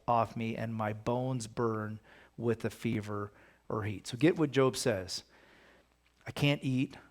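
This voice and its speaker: A man leading a casual Bible study, talking conversationally and reading scripture aloud with emphasis. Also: mid-range voice. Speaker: pastor.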